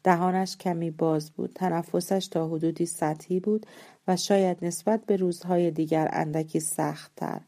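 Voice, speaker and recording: A woman reading a novel aloud as an audiobook narrator, calm and measured. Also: lowish voice, creaky. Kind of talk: scripted story narration.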